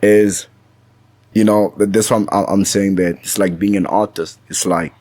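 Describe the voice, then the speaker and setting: A man speaking as a guest on a podcast, enthusiastic and encouraging, quick to agree with the host. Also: fairly low pitch, steady tone, mellow, dry recording. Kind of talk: casual conversational interview.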